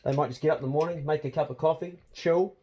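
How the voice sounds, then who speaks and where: A man's voice: on the high side, fast talker, warm tone, slight background noise. A man with a broad New Zealand accent chatting casually to his vlog viewers in a plain-spoken, colloquial way. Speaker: vlog host.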